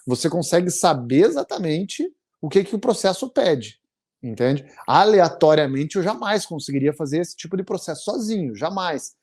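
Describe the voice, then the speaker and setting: A man in his forties with a Brazilian Portuguese accent, telling his story as an interview guest in a halting, earnest way with many restarts. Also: on the high side, very animated, darkish tone, husky. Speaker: interviewee, immigration client. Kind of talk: emotional conversational storytelling.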